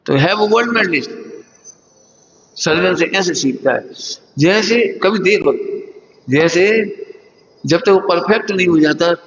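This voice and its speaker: Animated preacher in an echoey hall. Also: male voice, measured pace, long pauses, slight background noise. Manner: lively, acts out scoldings with sudden high jumps; chuckles often while teaching. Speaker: Jain religious teacher. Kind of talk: morning sermon to students. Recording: echoey hall, dull lo-fi sound.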